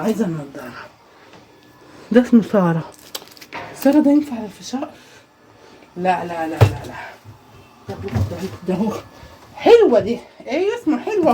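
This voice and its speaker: A woman's voice: background noise, natural voice. A woman with an Egyptian accent playing a messy, self-mocking housewife in a comedy sketch, chatty and dramatic. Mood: fussing. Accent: Egyptian Arabic. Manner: chatty, dramatic, swings into shrill shrieking.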